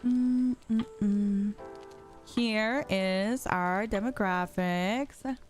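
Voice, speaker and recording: A woman's voice: mid-range voice, drawn-out words. A woman in her late twenties live-streaming a game, chatting casually with her viewers, answering chat and laughing easily. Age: late 20s. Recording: music playing under the voice. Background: background music.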